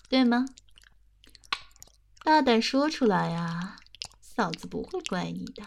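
Slow, whispery teasing woman. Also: medium pitch, a little mellow, a little hiss or hum. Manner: teasing, breathy, often whispering. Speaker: solo audio roleplay performer. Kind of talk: whispered adult ASMR roleplay.

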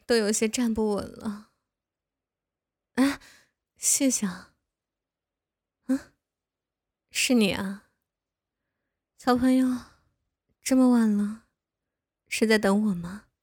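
A woman's voice: a little high, drawn-out words, pauses often, darkish tone, breathy edge, no room sound, studio quality, heavily acted. A young woman voicing a bossy but caring older neighbor woman who scolds and coaxes the listener in a one-sided audio role-play. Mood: tipsy. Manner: playful scolding, coaxing.

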